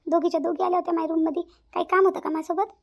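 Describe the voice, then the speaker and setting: A woman's voice: very high voice, fairly even intonation, very fast, gravelly, pitched above the performer's own voice. A woman voicing a lazy, scheming young woman who fakes illness in a whiny, drawling voice. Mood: falsely offended.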